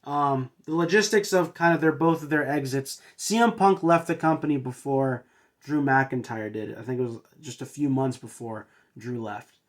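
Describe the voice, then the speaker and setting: A man's voice: mid-range voice, moderate pace. A man hosting a wrestling review, casually recapping in a hesitant way with many uhs and restarts. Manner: hesitant, filler-heavy with frequent uhs and restarts. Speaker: wrestling show reviewer and host.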